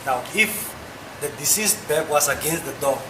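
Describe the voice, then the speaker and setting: A man testifying as an expert witness under cross examination, explaining technical points in a formal, measured way. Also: on the high side, lively intonation. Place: courtroom. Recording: echoey, noisy courtroom recording.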